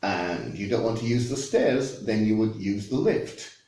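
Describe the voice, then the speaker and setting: A man's voice: lowish voice, animated, measured pace, darkish tone, roomy sound. A man from Wales with a Welsh accent, a guest English teacher chatting casually and making dry joking asides. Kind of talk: casual conversation.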